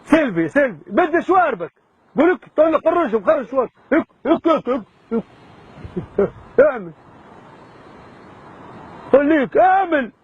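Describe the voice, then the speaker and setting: Man, coaxing prankster, high and lively voice, muffled outdoor recording. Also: normal speed, long pauses, no room sound. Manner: repeats reassurances. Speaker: hidden camera prankster. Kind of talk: coaxing, then apologetic.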